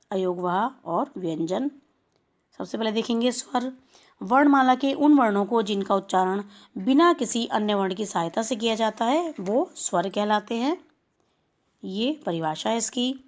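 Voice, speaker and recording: A woman teacher giving a recorded lesson to young schoolchildren, speaking slowly and spelling out each sound one by one. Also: a little high. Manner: slow, explanatory, spelling out sounds. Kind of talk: recorded class lesson for children.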